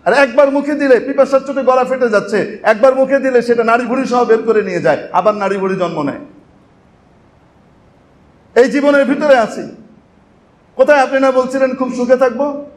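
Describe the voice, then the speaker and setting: A man's voice: high-pitched, flat delivery, fast talker, natural voice. A man voicing damned souls in hell who complain and plead in an aggrieved tone. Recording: echoey mosque hall.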